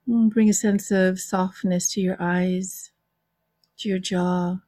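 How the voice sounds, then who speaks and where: A woman leading a guided relaxation visualization in a soft, soothing, unhurried way with long pauses. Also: medium pitch, flat delivery, no room sound, studio quality. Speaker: interview guest, author and hypnotherapy practitioner.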